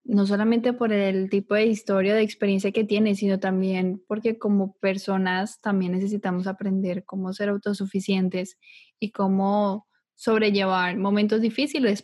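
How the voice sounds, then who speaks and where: A woman hosting a podcast, asking measured, thoughtful questions. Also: mid-range voice, level tone, darkish tone. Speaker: podcast host. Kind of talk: interview conversation.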